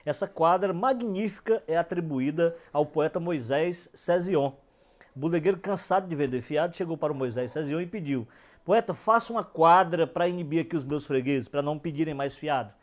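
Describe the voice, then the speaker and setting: A man, a cordel poet explaining verse form in an emphatic documentary lecture, slowing down to stress syllables. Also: on the high side. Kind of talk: documentary lecture on folk poetry.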